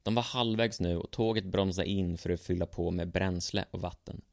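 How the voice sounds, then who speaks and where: Male narrator for a history tale, sardonic and dry, low gravelly voice. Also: steady tone, no echo. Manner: sardonic, ironic. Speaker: storyteller.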